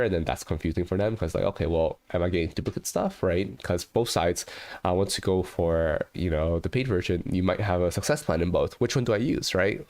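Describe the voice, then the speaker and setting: Deep and darkish in tone, this man's voice is congested from a cold. In his thirties, he's hosting a livestream via webcam from an indoor living room with a red sofa, chatting casually and peppering his talk with "you know" and "right?"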